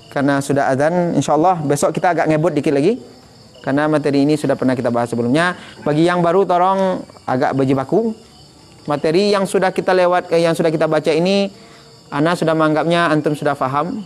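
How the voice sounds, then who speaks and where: Male teacher, patient, corrects students' pronunciation; slightly high-pitched. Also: slight background noise. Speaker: Arabic teacher. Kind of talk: online Arabic class.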